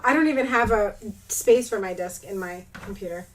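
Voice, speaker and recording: A woman's voice: medium pitch, normal speed, recorded from a distance, low-quality recording. A woman co-hosting a casual podcast chat, joking and laughing as she talks. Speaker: podcast co-host.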